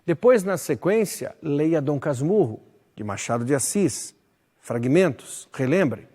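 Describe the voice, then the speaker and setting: A man's voice: fairly high pitch, expressive, a little slow, mellow. Emphatic male literature teacher, reverberant. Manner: didactic, emphatic, addresses the listener. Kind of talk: recorded lesson. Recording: long hall reverb.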